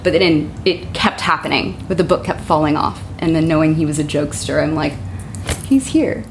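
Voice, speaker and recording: A woman's voice: sits low, fairly even intonation, brisk, noisy background. A woman, the tenant of the house, telling a personal story in a rambling, earnest way with many restarts. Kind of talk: casual interview storytelling.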